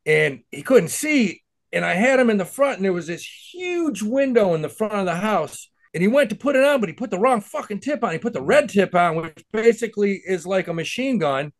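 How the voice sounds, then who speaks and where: A man co-hosting a podcast, rambling through stories in profane, animated casual chat. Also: high-pitched, brisk. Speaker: podcast co-host.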